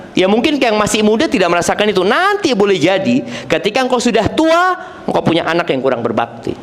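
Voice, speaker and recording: A male preacher giving a sermon. He recites Arabic verses and explains them in plain everyday speech, repeating key phrases for emphasis and acting out other people's voices. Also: high-pitched. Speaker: Islamic preacher.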